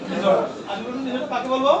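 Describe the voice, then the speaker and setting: A man's voice: very high-pitched, racing, highs cut off, a loud crowd. A male teacher lecturing a classroom, repeating terms and quizzing his students. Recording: echoey room from far off.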